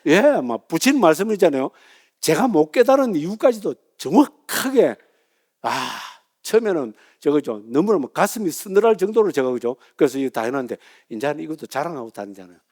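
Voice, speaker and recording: A man's voice: on the high side, big pitch swings, brisk, darkish tone. A middle-aged man, a Buddhist monk giving a lecture in a chatty way, often asking his listeners "right?" and laughing at himself.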